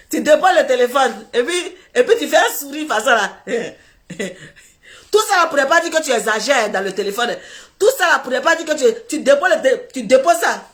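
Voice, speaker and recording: High-pitched lady, laughing as she acts out funny everyday stories. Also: lively intonation, measured pace, fairly bright tone. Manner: laughs through her words, acts out little scenes. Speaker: social media commentator. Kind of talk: animated comic storytelling.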